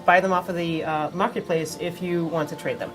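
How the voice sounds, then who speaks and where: Speaking a little fast in a steady, lowish voice, a woman with a cold walks through game features on a livestream as community manager. She's plain and informative, using lots of fillers, and music plays in the background.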